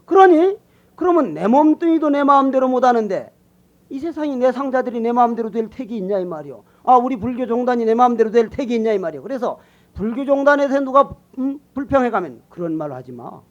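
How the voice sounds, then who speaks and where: An older Buddhist monk delivers a sermon in a strikingly high voice. He talks in a folksy, teasing way, rising to loud calls and dropping to near-whispered asides. The recording is muffled and lo-fi. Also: expressive, fairly quick. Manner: colloquial, teasing and emphatic, swings between loud calls and quiet asides. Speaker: Buddhist monk giving a dharma talk.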